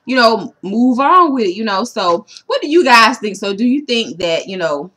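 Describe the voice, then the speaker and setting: A woman's voice: a little high, big pitch swings, moderate pace, bright, forceful tone. A woman in a casual vlog, recapping a reality show episode for her viewers and saying "you know" constantly. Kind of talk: casual chat to camera.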